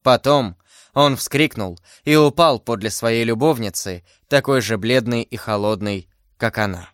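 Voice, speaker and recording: This is a man reading a classic novel aloud as an audiobook. His pitch sits in the middle range and his delivery is steady and measured. The recording is close and dry, with no room around it. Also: clear, resonant tone, dry recording. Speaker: reader. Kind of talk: audiobook narration.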